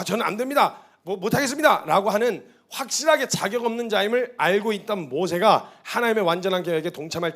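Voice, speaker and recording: A male missionary preaching a sermon to a seated church congregation, telling the story with animated delivery and acting out quoted dialogue. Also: high voice.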